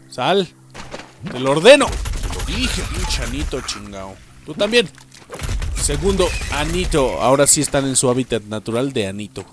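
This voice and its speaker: A young adult man with a Mexican accent giving crude, excitable let's play commentary, yelling and swearing at enemies. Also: medium pitch, slight background noise. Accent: Mexican Spanish. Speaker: gaming channel host. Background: game music.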